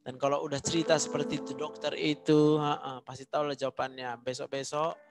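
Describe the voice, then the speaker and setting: A man preaching a sermon, animated, repeating phrases for emphasis. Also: medium pitch, fast talker, music in the background.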